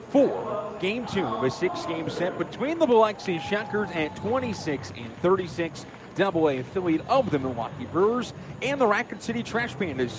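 A man opening a live baseball radio broadcast from a ballpark booth. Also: fairly high pitch. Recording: clear outdoor ambient noise.

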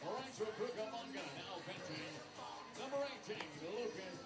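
A man's announcement comes through the ballpark loudspeakers from far away, echoing around the open stadium. He speaks in a slow, formal announcing cadence, and loud music plays under his voice. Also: high-pitched, expressive. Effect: heard through ballpark loudspeakers from far off. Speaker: ballpark public address announcer. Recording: echoey distant loudspeaker sound picked up under music.

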